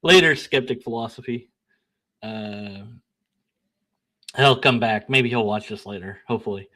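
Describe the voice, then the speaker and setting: A young man with a medium-pitched voice and measured pace hosts his own channel, reading out an email exchange in casual solo commentary. Blunt, sarcastic and self-mocking, he stays animated, laughs at himself, squabbles with himself, and grows argumentative when voicing his replies.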